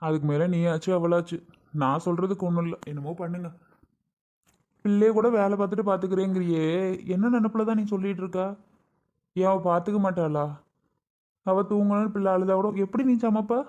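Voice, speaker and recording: An actor playing an exasperated husband in a family drama skit, complaining quickly about a family quarrel. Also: medium pitch, fairly even intonation, darkish tone, lightly acted. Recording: dull lo-fi recording.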